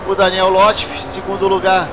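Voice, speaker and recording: A Brazilian man with a clearly high-pitched voice commentates motorsport live, calling the race as lead announcer. Engine noise from racing cars runs noticeably behind him. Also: steady tone, moderate pace.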